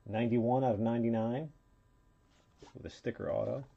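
A man's voice: medium pitch, fairly even intonation, moderate pace, gravelly, mellow, slightly rough. A man hosting a live trading card break, casually calling out player names and serial numbers as he opens packs, in a dull lo-fi recording.

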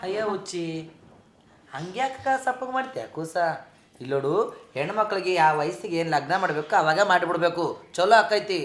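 A woman's voice: fairly low pitch, animated, normal speed, echoey room, natural voice. A woman playing a middle-aged village mother who is proud of the family's wealth, speaking with a North Karnataka accent in a coaxing way. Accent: North Karnataka Kannada. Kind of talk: amateur village comedy drama.

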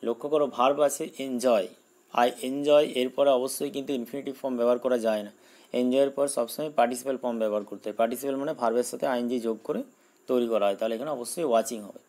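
Man, exam-prep teacher, slow careful reading, then quick explanations. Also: medium pitch, steady tone, a little mellow, poor audio. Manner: reads English questions slowly, explains in Bengali. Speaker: English teacher. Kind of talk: exam-prep grammar lesson.

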